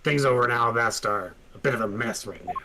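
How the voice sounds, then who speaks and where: A man's voice: medium pitch, quick pace, heavy background noise, lightly acted. A man doing a smug, tough foreign agent. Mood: dismissive. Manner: smug, slangy drawl.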